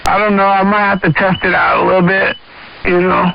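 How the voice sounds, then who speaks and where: An American CB radio operator chats casually and emphatically about video games on air, using slang and swearing freely. His high-pitched voice is flat, a little fast, and marked by vocal fry, and the CB transmission sounds dull with hiss.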